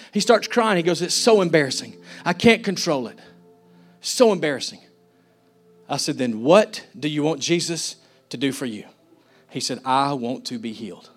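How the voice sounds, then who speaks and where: A man's voice: high voice, a bit bright. A man preaching a fervent sermon as a pastor, acting out the people he quotes.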